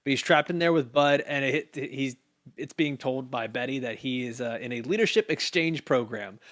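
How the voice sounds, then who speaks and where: Male podcast co-host, loose conversational recap, animated asides. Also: mid-range voice, moderate pace. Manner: laughs often, animated storytelling with acted quotes. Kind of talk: casual TV recap chat.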